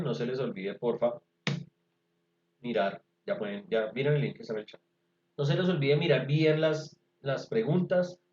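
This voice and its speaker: A man's voice: mid-range voice, darkish tone. A man teaching an English class over a video call, explaining patiently step by step. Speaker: English tutor. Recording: echoey, dull video-call audio.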